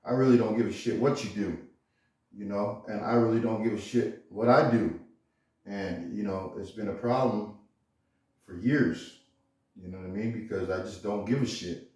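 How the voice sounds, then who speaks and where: Blunt, rambling garage mechanic. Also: male voice, on the low side, moderate pace, a little mellow. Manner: blunt, profane, many "you know"s. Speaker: home mechanic vlogger. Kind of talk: casual rambling monologue. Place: his garage. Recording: echoey garage, far from mic.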